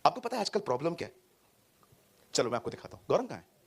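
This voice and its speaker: A male pastor preaching a sermon to a congregation in a church hall. He is animated, swings between loud and soft, and mixes English words into his speech. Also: on the high side, fast talker, slight background noise.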